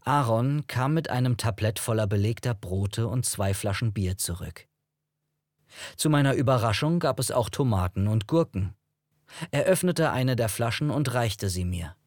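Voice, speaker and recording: A man reading a first-person novel as an audiobook narrator, in an even, measured storytelling manner. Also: mid-range voice, dry recording, studio quality.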